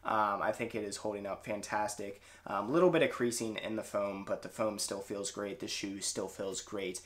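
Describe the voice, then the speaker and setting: A man's voice: fairly low pitch, normal speed. A young man giving a casual product review to a camera a short distance away in a room at home. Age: young adult. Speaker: running vlogger. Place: indoors in a small home room.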